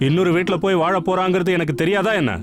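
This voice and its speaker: A man's voice: high voice, steady tone, quick pace, lightly acted. A man playing a teasing middle-aged father. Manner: teasing, joking. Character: playful middle-aged family man, teasing his wife. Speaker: father of the household. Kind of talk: TV serial acting. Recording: TV drama with music behind.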